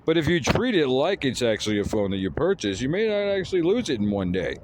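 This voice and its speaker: A man's voice: medium pitch, sing-song, fast talker, background noise. A man giving a rambling, scolding comic rant as a vlogger. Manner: lecturing, scolding, repetitive.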